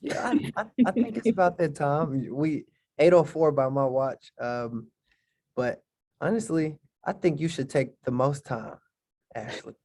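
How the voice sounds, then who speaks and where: A man's voice: a little high, unhurried, dry recording. Guy hosting a video-call panel, laid back and jokey, dry close sound. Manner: relaxed, joking. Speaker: host. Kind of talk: casual panel moderation.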